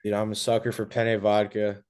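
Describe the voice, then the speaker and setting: A young man, a college wrestler, giving short, relaxed answers with fillers as a guest on a casual podcast. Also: fairly low pitch, brisk, clear, resonant tone. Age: young adult.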